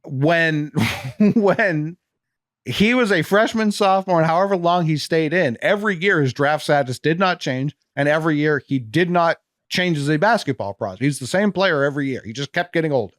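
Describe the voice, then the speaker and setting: A man with a Boston accent, hosting a casual sports podcast, talking in an animated way and swearing freely. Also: fairly high pitch, moderate pace, no echo, clean studio sound. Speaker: podcast host.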